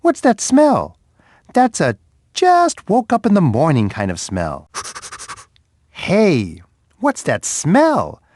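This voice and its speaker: Bear, a wildly expressive friendly bear. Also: male voice, high voice, slow pace, pauses often, no room sound, heavily acted. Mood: curious, wondering. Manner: expressive, sing-song, speaking to young children. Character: big friendly male bear, gentle, curious, childlike wonder. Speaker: children's game character. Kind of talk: children's edutainment game voice lines.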